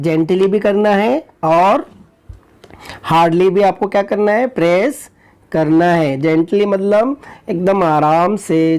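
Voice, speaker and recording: A woman teaching a primary school English class online, slowly chanting action commands and then explaining them to young children in Hindi. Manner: acts out loud and soft, high and hushed.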